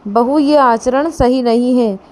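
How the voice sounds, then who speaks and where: A woman's voice: a little high, takes it slowly, a little mellow. A woman voicing a nosy neighbor auntie who scolds and reproaches the young bride. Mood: scolding.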